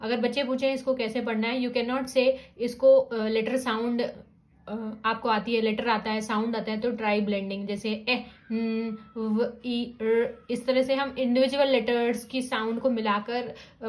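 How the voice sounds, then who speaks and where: A woman explains how to read words, slowly sounding out syllables and mixing two languages. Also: on the high side, fairly even intonation. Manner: mixes Hindi and English, sounds out syllables slowly. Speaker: teacher guiding parents. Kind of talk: explanatory lesson.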